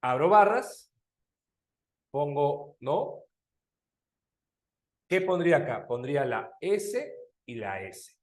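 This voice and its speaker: Teaching phonemes and letters in an online exam-prep language class, this man speaks slowly in a slightly high voice, pausing often, and the sound is reverberant. He stays lively and animated, questioning his students as he goes.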